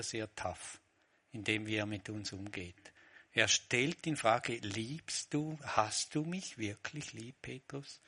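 Guy giving a sermon, bright voice, mid pitch, talks things through. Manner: reflective, quotes dialogue with shifts in emphasis. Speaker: preacher.

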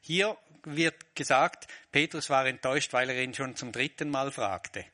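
Bright-voiced man preaching. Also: mid-range voice, unhurried. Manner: reflective, quotes dialogue with shifts in emphasis. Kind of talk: sermon.

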